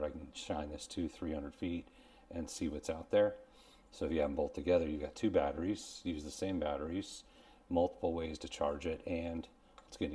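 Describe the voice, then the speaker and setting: Indoors in a small home room, a man in his forties presents a casual, plain-spoken product review straight to camera. His voice is extremely low and dark, and it sounds distant from the clip-on lavalier on his shirt.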